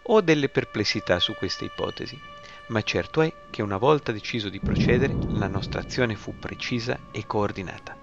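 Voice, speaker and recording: Gravelly man narrating a story wryly. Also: on the low side, fairly quick. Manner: wry, ironic. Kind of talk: first-person storytelling narration. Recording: slightly muffled, music behind.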